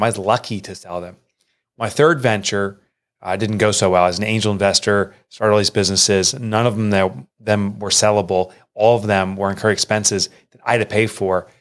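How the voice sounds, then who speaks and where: A middle-aged man, an author and entrepreneur, telling a personal story in an interview in an earnest, emotional way, jumping up in pitch when he quotes people.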